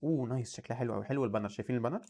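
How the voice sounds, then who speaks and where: Rapid-fire young Egyptian man. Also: medium pitch, darkish tone. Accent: Egyptian Arabic. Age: 20s. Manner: rapid, chatty, thinking aloud while browsing. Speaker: coding channel host. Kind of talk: casual screen-share commentary.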